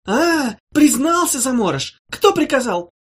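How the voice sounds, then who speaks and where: Woman doing a fierce young ex-witch in an audiobook, high scolding voice, lively and husky. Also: unhurried, exaggerated voice. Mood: furious. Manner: sharp, scolding. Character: vengeful young former witch, fierce and mocking.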